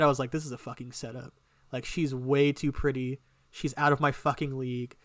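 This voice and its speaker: A young man telling a long personal story on a podcast in a casual, animated way, swearing freely. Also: fairly high pitch, no echo, studio quality. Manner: animated, swearing a lot, quotes himself in lively bursts. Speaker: podcast co-host.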